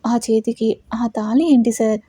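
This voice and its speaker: A woman's voice: a little high, steady tone, a little slow, dark tone, husky, no room sound. A woman voicing a nervous young male office assistant who pleads and speaks timidly in a storybook reading. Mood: pleading.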